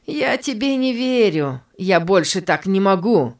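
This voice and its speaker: A woman voicing a bitter, distrustful boy who speaks in a sharp, raised, resentful way. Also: medium pitch, sing-song, a little slow.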